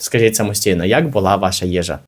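A man teaching an English lesson, explaining phrases slowly and repeating them carefully for learners. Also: low-pitched.

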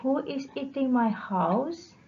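A woman's voice: high-pitched, animated, slow pace, dark tone, slight background noise, voice pushed up. A woman voicing a cackling, cunning old witch with a sly, wheedling manner, in a dull lo-fi recording. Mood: demanding.

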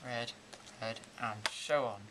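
A young man in his teens giving an informal, halting step-by-step card trick tutorial in amateur magician patter. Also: mid-range voice, heavy background noise. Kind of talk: informal step-by-step demonstration and explanation. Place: indoors at a table and whiteboard.

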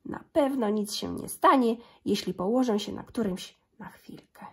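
A woman voicing a curious little girl who wonders aloud, sometimes in a whisper, with a breathy tone. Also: medium pitch, sing-song, slow pace, a little mellow, heavily acted.

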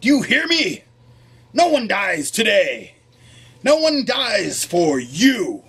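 A man voicing a stern heroic thunder god with dramatic, drawn-out declamation. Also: sits high, huge pitch swings, a bit bright, husky, exaggerated voice. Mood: defiant.

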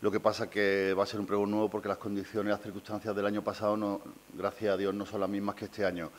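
A man's voice: lowish voice, flat delivery, fast. A man in his forties from southern Spain with an Andalusian accent, giving an informal, unscripted thank-you speech and searching for words. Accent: Andalusian Spanish. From Linares, Andalusia, Spain. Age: 40s. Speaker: invited festival speaker, a designer. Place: small indoor meeting room. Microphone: gooseneck desk microphone.

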